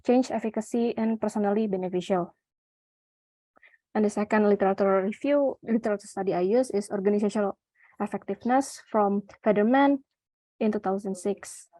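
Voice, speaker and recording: A young Indonesian woman with an Indonesian accent presents her research paper at a conference, speaking haltingly with frequent fillers and restarts. Her voice is mid-range and mellow, with no echo.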